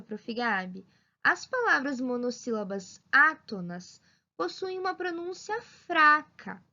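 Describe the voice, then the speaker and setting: A woman giving a children's lesson as a primary school teacher, talking slowly and spelling things out clearly. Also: sits high, bright, forceful tone. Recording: dull lo-fi sound.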